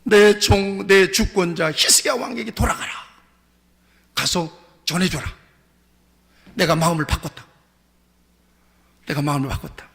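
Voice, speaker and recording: A preacher giving voice to God commanding. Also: male voice, high-pitched, measured pace, creaky, long pauses, fairly bright tone, long reverb tail, exaggerated voice. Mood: firm. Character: God relenting, commanding a prophet.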